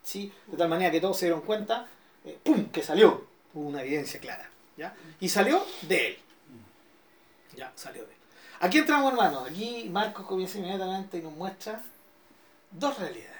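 Chilean pastor teaching a Bible study. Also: male voice, sits high, very animated, a little fast. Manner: questioning, checks in with listeners often.

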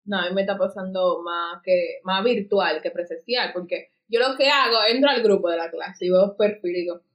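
A woman's voice: moderate pace, dull audio. A young woman, co-hosting a casual chat and acting out quoted lines with big jumps in voice. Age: young adult. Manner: animated, acts out quoted speech with big pitch jumps.

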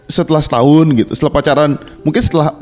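This podcast co-host talks to listeners about personal things in casual slang, earnest and frank, often restarting his words. His voice is on the high side and a little mellow, and he races along over soft background music.

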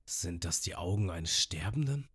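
Man doing a low, slow fish-man villain. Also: lively intonation, breathy edge, no echo, heavily acted. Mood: menacing. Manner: low, quiet and slow menace. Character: menacing male fish-man pirate villain, cold and brutal.

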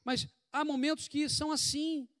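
A pastor with a Brazilian Portuguese accent preaches a sermon conversationally and with animation, tossing out rhetorical questions at a moderate pace. His voice sits high for a man, and he's sweating as he talks. The recording is close and dry, with no room sound or echo.

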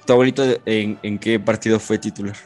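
A man's voice: lowish voice, fairly even intonation, brisk, darkish tone, faint music behind. A teenage boy with a Mexican Spanish accent, co-hosting a podcast in casual banter, teasing and insistent, calling his friend "hijo". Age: teens. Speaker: podcast co-host.

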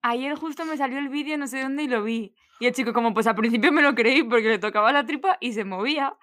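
A woman, co-hosting a podcast in casual, slangy chat with quick interjections. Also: on the high side, a bit bright. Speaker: podcast co-host.

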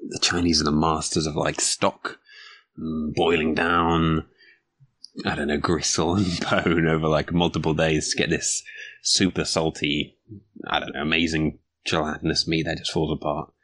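A man's voice: rumbling low, little pitch movement, moderate pace, fairly bright tone, no echo. A man chatting casually on a podcast, laughing as he describes food. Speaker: podcast guest.

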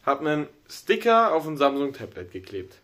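A man co-hosting a casual podcast chat, animated and playful, musing aloud about phrasing. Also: fairly high pitch, normal speed. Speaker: podcast co-host.

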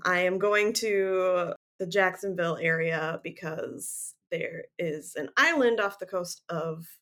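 A woman co-hosting a podcast, chatting casually, answering in short relaxed replies and laughing easily. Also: lowish voice, takes it slowly. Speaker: podcast co-host. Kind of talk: casual chat.

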